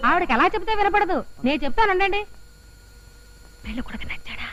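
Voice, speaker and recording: An actress playing a chatty relative who presents the bride in a film comedy, telling her story in a lively rush. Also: extremely high pitch, fast talker.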